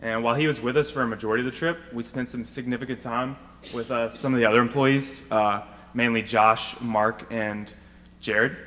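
Halting young man presenting in an echoing hall. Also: mid-range voice, fairly even intonation, fairly bright tone. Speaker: student presenter. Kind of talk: prepared presentation to an audience. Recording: reverberant hall, faint noise.

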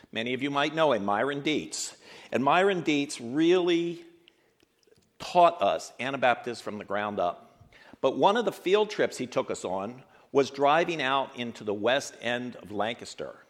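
A man in his sixties speaks to a live audience in an earnest, reflective manner. His voice sits at an ordinary middle pitch for a man. He tells a personal story and slows down for emphasis. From grew up in Ethiopia and the United States. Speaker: guest speaker.

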